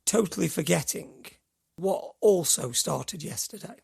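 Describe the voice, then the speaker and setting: A man's voice: on the high side, lively intonation, measured pace, vocal fry, a little mellow, breathy edge. A middle-aged man co-hosting a podcast, telling rambling stories in casual chat. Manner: chatty, rambling storyteller. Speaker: podcast co-host.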